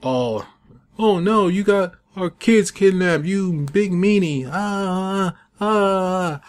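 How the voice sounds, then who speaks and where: A man's voice: high voice, slow, pitched above the performer's own voice. A man voicing a panicked wife, wailing in an exaggerated, mocking way. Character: panicking wife, shrill and whiny.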